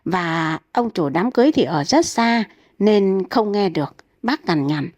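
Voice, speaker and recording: A woman reads comic folk tales aloud. Her narration is steady and even at a middle pitch. The recording is dry and close. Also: unhurried, no room sound. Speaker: storyteller.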